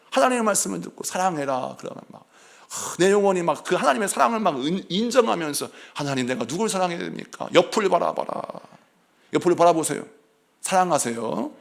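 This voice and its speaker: Gravelly, lively-pitched preaching man. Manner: animated preaching, jumps between shouts and soft asides; jokes and laughs with the congregation. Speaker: senior pastor. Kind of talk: revival-style sermon. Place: church sanctuary.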